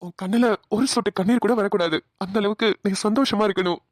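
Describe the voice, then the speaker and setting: Fast-talking young cartoon husband, voiced by a woman, teasing, fairly high voice. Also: a bit bright, dry recording, studio quality, natural voice. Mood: tender. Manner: teasing, affectionate ribbing. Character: protective young husband, a joking policeman. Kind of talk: cartoon voice acting.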